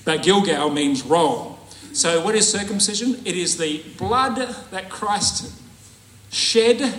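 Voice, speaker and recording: A man's voice: a little high, a bit bright, roomy sound, rough recording. Jokey man preaching a sermon. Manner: conversational, jokey, laughs at his own asides.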